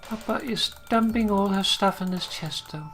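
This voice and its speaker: A woman hosting a gaming stream, chatting casually in a sleepy, relaxed way with soft laughs. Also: mid-range voice, normal speed, soft background music. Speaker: streamer host. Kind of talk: casual chat while gaming.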